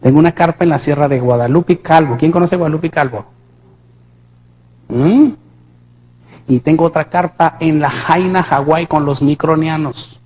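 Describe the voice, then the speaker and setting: A man with a voice on the high side turns his personal testimony into an impassioned sermon. He shifts from near-whispers to shouts and puts questions to the congregation.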